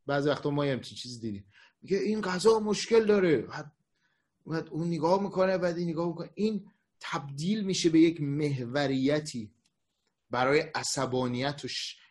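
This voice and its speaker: A male pastor preaching in a lively, conversational way. His voice sits a little high, and he often slips into the voices of the people he quotes. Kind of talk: conversational online sermon.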